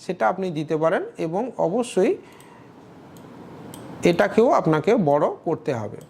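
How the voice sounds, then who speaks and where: A woman's voice: fairly low pitch, expressive, a little slow, warm tone, a little hiss or hum. A woman narrating a step-by-step screen tutorial, instructive, often checking in with the viewer. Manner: instructive, keeps checking in with "okay?". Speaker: tutorial creator.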